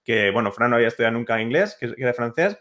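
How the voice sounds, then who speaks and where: A man's voice: mid-range voice, animated, racing, a bit bright. A man, a guest in a conversational interview who repeats his points for emphasis. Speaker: co-creator of an English-learning method, guest.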